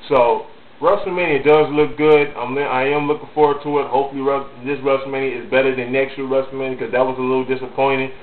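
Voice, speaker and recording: A man's voice: medium pitch, steady tone, fast talker. A man talks through his views in a loose, casual vlog. He rambles, repeats himself and stutters, leaning on "you know". The sound is thin and phone-like, with a roomy echo. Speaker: wrestling vlogger.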